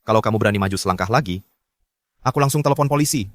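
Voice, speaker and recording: A man's voice: on the low side, racing, no room sound, clean studio sound, close to an everyday voice. A man voicing a curt, stern ex-husband. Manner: curt and stern, teasing toward his girlfriend. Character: cold divorced husband, young adult man, firm. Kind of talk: Indonesian drama dub.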